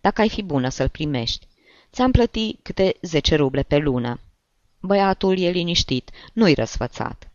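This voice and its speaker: A man's voice: a little high, lively intonation, no echo, highs cut off. A man voicing a courteous, formal middle-aged uncle in an audiobook reading. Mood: businesslike.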